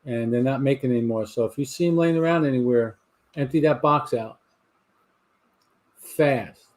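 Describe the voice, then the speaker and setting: A man's voice: mid-range voice, moderate pace, a little mellow. Rambling sixty-something Southern man. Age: 60s. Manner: rambling storyteller with frequent restarts. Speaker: host of a livestream cigar talk show. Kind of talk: casual chat to a live audience. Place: home garage.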